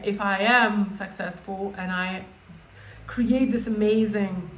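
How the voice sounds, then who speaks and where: A woman coach leading an informal guided meditation, speaking off the cuff in a halting way and often rephrasing herself. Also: mid-range voice, fairly bright tone. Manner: halting, spontaneous, with repeated words and rephrasing. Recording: echoey room with faint background noise.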